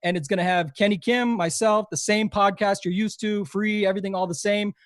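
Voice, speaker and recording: A young Canadian-accented man, a fantasy golf podcaster, is the eager guest in a casual podcast interview, rambling with frequent fillers and restarts. His voice is high-pitched and brisk with fairly even intonation, recorded at studio quality with no room sound.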